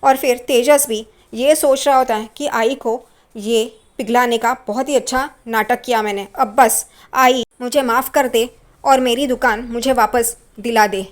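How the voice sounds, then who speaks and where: High-voiced woman recapping a serial. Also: fairly even intonation. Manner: brisk retelling with "yahan pe" asides.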